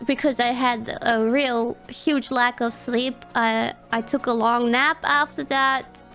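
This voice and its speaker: A woman's voice: on the high side, steady tone, takes it slowly, fairly bright tone, soft background music. A young woman streamer telling a personal story in casual chat, rambling and emotional, swearing and laughing often.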